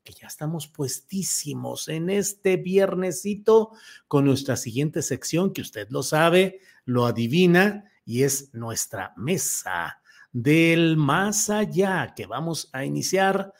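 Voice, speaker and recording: A Mexican man hosts a talk show, opening the segment and handing off to each panelist in a conversational way. His voice sits a little high for a man. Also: lively intonation, slow pace, creaky. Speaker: host.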